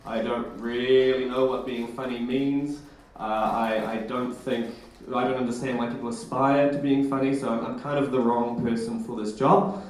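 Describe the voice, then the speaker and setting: A man's voice: medium pitch, level tone, moderate pace, hardly any pauses. A young man gives a comic, self-deprecating talk on stage at a live event, heard through an echoey hall. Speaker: presenter.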